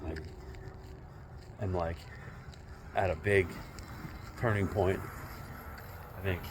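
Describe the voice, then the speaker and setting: Deep-voiced man rambling on a walk. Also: fairly even intonation, slow, noisy background. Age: 40s. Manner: rambling, self-deprecating musing. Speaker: vlogger. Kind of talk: casual walking vlog. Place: outdoors on a residential street, walking. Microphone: phone on a selfie stick.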